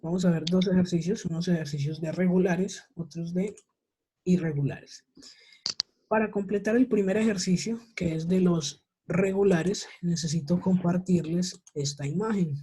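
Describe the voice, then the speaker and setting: A woman's voice: fairly low pitch, steady tone, moderate pace, mellow, slight background noise. A woman teaching an English class over a video call, patient and checking in with her students often. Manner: patient, checks understanding with repeated questions. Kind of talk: online class lesson.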